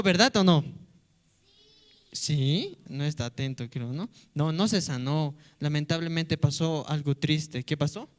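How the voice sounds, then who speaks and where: A man with a smooth voice on the high side teaches a children's church lesson. In this Sunday-school session he playfully asks the kids one question after another.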